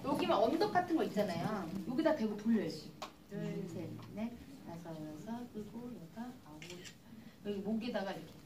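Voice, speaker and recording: In a live seminar, a woman presenting for a cosmetics business shows skincare to a hall audience and chats through stories, playing out conversations with customers. Her mid-range voice is animated at a normal speed, recorded from a distance in an echoey hall with noisy background.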